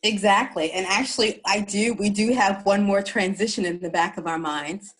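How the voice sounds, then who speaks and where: A woman's voice: medium pitch, fairly even intonation, moderate pace, rough recording. A woman from the East Coast, telling her story as an interview guest, reflective and often repeating words as she searches for them.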